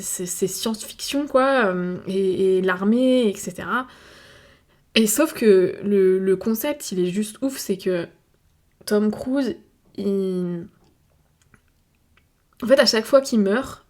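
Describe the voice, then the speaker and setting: Speaking to camera in a mid-range, darkish voice, this woman from France has a French accent. As a video creator, she reflects casually to her viewers, thinking out loud amid frequent fillers and restarts.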